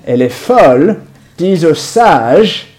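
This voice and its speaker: A man, acting out a Bible story with volunteers and props, lively and lightly humorous. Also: on the high side, slow pace. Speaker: preacher.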